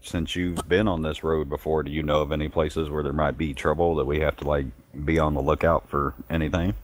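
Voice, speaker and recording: A man playing a tabletop game, asking slow, careful questions in character. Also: rumbling low, flat delivery, slight background noise. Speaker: player. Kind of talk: casual tabletop play.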